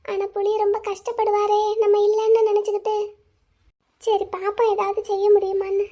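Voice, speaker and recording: A woman voicing a squeaky anxious young cartoon girl. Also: completely flat delivery, moderate pace, warm tone. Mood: worried. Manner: worried, pleading. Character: young woman Angel, anxious, hiding away. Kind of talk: animated drama voice acting.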